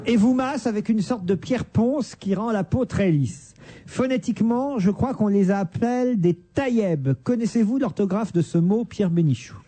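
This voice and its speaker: A male radio host with a fairly high, mellow voice reads listener letters aloud. His delivery is teasing, and he keeps the banter going between messages. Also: moderate pace. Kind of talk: reading listener mail with banter.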